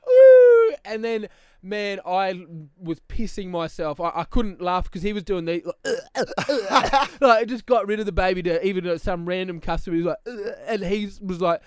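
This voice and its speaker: A man's voice: high voice, moderate pace, hardly any pauses, clean tone, dry recording, studio quality. A young Australian man co-hosting a casual comedy chat, laughing often as he tells stories. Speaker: co-host.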